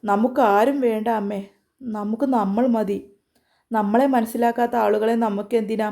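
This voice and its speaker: A woman voicing a tearful middle-aged mother who speaks in a soft, sorrowful, pleading way. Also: mid-range voice, fairly even intonation, normal speed, close to an everyday voice.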